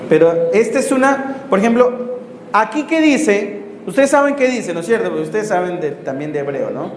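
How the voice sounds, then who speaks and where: A man, a missionary priest, teaches a Bible course to a class. He asks rhetorical questions, corrects himself and pauses to write on the board. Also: sits high, animated. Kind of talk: classroom lecture with questions to students. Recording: roomy hall reverb, faint background noise.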